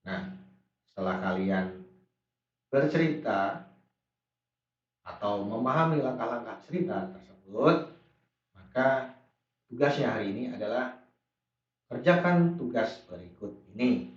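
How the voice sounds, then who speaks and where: A man's voice: medium pitch, lively intonation, unhurried, long pauses. A man teaching a recorded school lesson, patiently explaining steps and answering the questions he imagines his pupils will ask. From Indonesia. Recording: roomy, distant, dull lo-fi screen recording.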